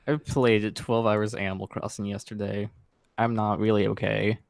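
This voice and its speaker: A man's voice: fairly low pitch, level tone, moderate pace, vocal fry, no room sound, clean studio sound. A young man co-hosting a casual podcast, wisecracking and offhand. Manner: offhand, wisecracking, reads out place names. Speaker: podcast co-host. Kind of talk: casual chat.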